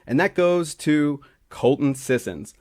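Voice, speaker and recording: A man reading a scripted awards segment as a regular on a hockey analytics show, in a steady, stat-heavy delivery with small slips and restarts. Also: a little high, slow pace.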